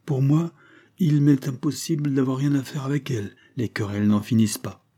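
A man's voice: mid-range voice, steady tone, fairly quick, mellow, pitched above the performer's own voice, close to an everyday voice. A man doing a hesitant, embarrassed uncle.

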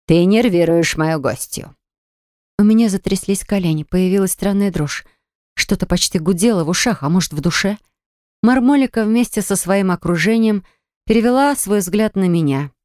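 A woman narrating an audiobook in an even storytelling manner. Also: medium pitch, no echo, studio quality. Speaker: audiobook reader.

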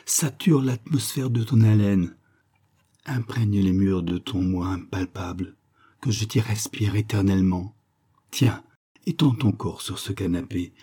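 A man's voice: on the low side, mellow, husky. A man voicing a feverish dying poet who passionately implores his lover in an audiobook story. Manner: impassioned, imploring.

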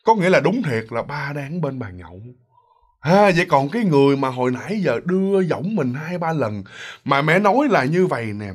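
A man's voice: fairly high pitch, big pitch swings, moderate pace, husky. Chatty Southern Vietnamese male ghost storyteller. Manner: chatty, addresses listeners directly, acts out sounds. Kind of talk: casual ghost story narration.

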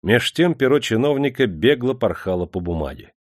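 Expressive male audiobook narrator. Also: mid-range voice, no room sound, studio quality. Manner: expressive, measured storytelling. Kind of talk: scripted narration.

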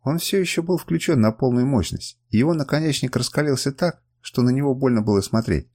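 A man narrating a novel in the first person with dramatic, expressive reading. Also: mid-range voice, fairly quick. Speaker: audiobook narrator.

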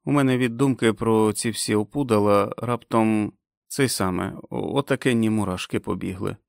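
A man's voice: on the low side, moderate pace, vocal fry, dry recording, clean studio sound. A man as an uneasy spooked young man.

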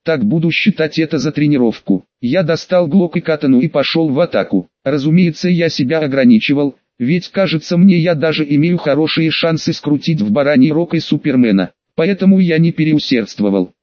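A man narrating an audiobook in the first person, with brisk and casual storytelling. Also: a little high, darkish tone, no echo. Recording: dull, dry lo-fi recording.

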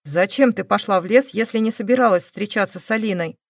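A woman voicing a calm, stern male police investigator who presses with measured questions. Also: mid-range voice, gravelly, dry recording, studio quality.

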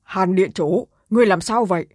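A man's voice: high voice, fairly quick, no room sound. A man voicing a shaken middle-aged sect master in an audiobook, speaking in agitated exclamations over a dry, close sound. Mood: alarmed. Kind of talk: audiobook character reading.

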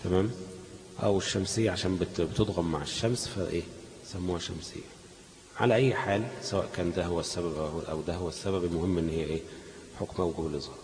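A man's voice: deep voice, steady tone, very fast, darkish tone, big-room sound, slight background noise, rough recording. A man with an Egyptian Arabic accent teaching a class on Quran recitation, asking leading questions that the students finish.

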